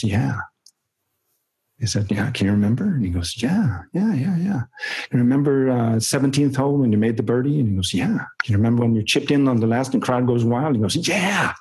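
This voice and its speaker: A man's voice: medium pitch, mellow, a little hiss or hum. A man who works as a performance coach, telling an anecdote in an interview and animatedly acting out the dialogue with frequent chuckles. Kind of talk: conversational storytelling in an interview.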